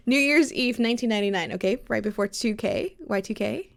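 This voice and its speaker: A woman's voice: on the high side, expressive, moderate pace, creaky. A woman from Texas streaming a game on a headset mic, chatting and laughing often as she reads along. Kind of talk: live game stream commentary and reading.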